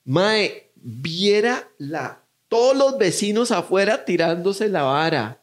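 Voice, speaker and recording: A man's voice: high voice, sing-song, slow pace. A young man with a Costa Rican accent telling a story in casual chat, acting out voices as he goes.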